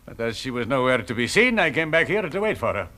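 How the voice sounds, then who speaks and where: Brief: a stiff, lovelorn count, expressive mid voice. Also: male voice, medium pitch, quick pace. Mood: formal. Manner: formal, slightly stilted. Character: courtly European count, lovesick.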